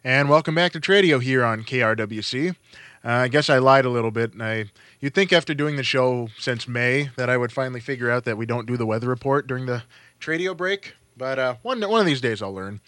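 A man's voice: medium pitch, brisk, a bit bright, dry recording. A man hosting a radio call-in show in a casual, unscripted, informal way.

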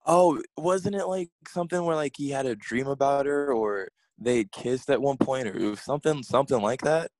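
A man's voice: medium pitch, normal speed, few pauses, a little mellow, no room sound, poor audio. A man, a guest chatting casually and laid-back, with a self-deprecating manner. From Queens, New York. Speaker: guest, music blogger. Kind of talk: casual interview chat.

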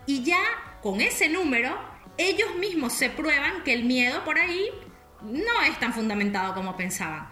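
A woman's voice: a little high, sharp tone. A woman with a Rioplatense Spanish accent, chatting in a casual, reflective way and full of little fillers as she thinks aloud. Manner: chatty, with many "o sea" and "no sé" fillers. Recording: echoey room, faint music.

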